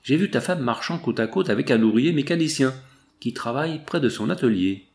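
A man's voice: mid-range voice, expressive, brisk, a little mellow, close to an everyday voice. A man reading a sly, scheming friend. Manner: insinuating, mock-sympathetic. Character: sly, scheming male friend stirring jealousy. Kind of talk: audiobook dialogue reading.

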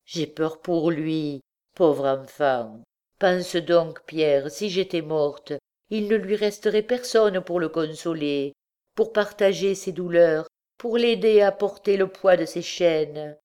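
A woman's voice: fairly low pitch, takes it slowly, darkish tone. A woman voicing a desperate mother who pleads with her bandit husband, speaking emotionally and breathlessly. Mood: pleading.

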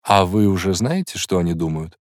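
A man's voice: deep voice, expressive, a little fast, dry recording, studio quality. A man reading an audiobook, voicing a proud, tormented woman in an emotional, intense manner. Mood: tense.

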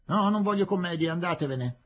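A man's voice: sits high, animated, fairly quick, fairly bright tone, breathy edge, pitched above the performer's own voice, exaggerated voice. Man reading a curt, harried Englishman. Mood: dismissive. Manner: brusque, impatient.

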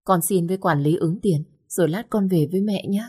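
A woman's voice: fairly low pitch, a little fast, a little mellow, slightly rough. A woman voicing a worried young waitress who speaks politely and urgently. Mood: anxious.

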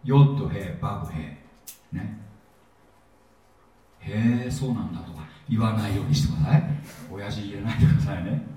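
A man teaching a sermon-style Bible seminar, lively and jokey, often asking his audience questions, recorded in a hall. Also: on the low side, quick pace. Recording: echoey hall, mic at a distance.

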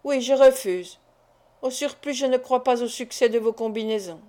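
A woman's voice: a little high, moderate pace, warm tone, close to an everyday voice. A woman reading the lines of a wary, formal male banker in an audiobook. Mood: firm.

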